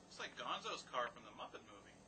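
A man firing off quick one-liner jokes over an old movie. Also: mid-range voice, very animated, recorded from a distance. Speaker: movie riffing co-host. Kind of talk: joking commentary over a film. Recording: home recording off-mic with film noise.

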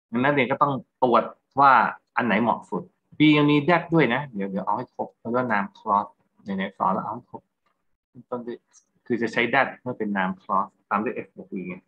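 A man's voice: mid-range voice, breathy edge, muffled recording. A Thai-accented man teaching English grammar in a lecture, going through exam answers and checking understanding with rhetorical questions.

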